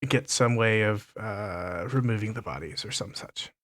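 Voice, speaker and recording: A man narrating as game master, unhurried and often stumbling over his words. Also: lowish voice, a bit bright.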